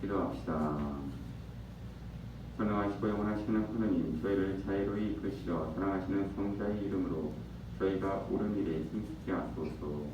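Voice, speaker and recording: Deep-voiced priest in an echoing church. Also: male voice, moderate pace. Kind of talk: liturgical prayer. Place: large echoing church hall. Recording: muffled, distant, echoing church with noise.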